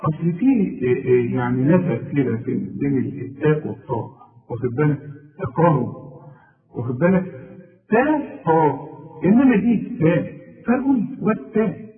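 A man with an Egyptian Arabic accent teaching a Quran recitation lesson, patiently drilling letters and stretching words slowly to show the rules. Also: fairly high pitch, animated, far from the mic. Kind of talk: tajweed lesson. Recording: tinny phone-like audio from afar.

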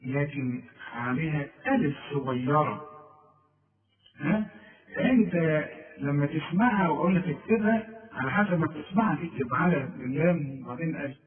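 A man's voice: a little high, echoey room, a crowd in the background. Egyptian man teaching Quran recitation. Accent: Egyptian Arabic. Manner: drawn-out chanted recitation between quick explanations; coaxing, checks with the listener. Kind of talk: tajweed lesson with recited examples. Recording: thin phone-like sound from a distance.

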